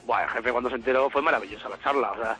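A man calling a radio show, telling an animated story and acting out the dialogue. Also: medium pitch, rapid-fire, soft background music. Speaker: caller. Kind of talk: telling an anecdote on a call-in show.

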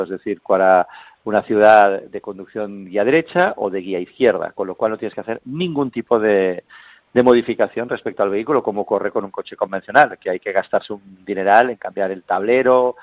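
Spanish guy on a tinny dry phone line, lowish voice, explains stuff with lots of eh and o sea. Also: dry recording. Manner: explanatory, many fillers and restarts, chuckles now and then. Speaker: interview guest explaining a vehicle. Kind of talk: phone-in radio interview.

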